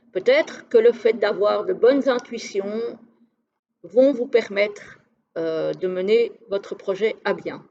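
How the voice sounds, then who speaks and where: A woman gives an unhurried, casual tarot reading, speaking slowly with a soft, mellow tone. She is gentle and tentative, pausing often. The recording sounds slightly muffled and lo-fi. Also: mid-range voice, creaky. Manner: gentle, tentative, with frequent "voilà" pauses. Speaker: tarot reader.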